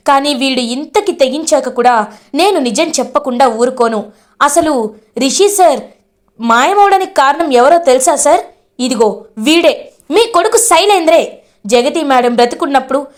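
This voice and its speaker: A woman voicing an angry young heroine who confronts and accuses a villain, shouting. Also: high voice, lightly acted.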